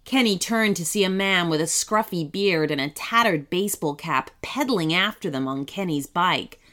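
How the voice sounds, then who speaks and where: A woman narrating a children's story in an expressive, animated storybook reading. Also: lowish voice, normal speed.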